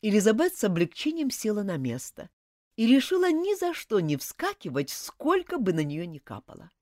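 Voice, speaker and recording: A woman reads a children's book aloud with lively, dramatic delivery, her pitch rising and falling widely. The recording is close and dry, with no room sound. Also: normal speed, dry recording. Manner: animated, dramatic reading. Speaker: audiobook narrator. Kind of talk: expressive storybook narration.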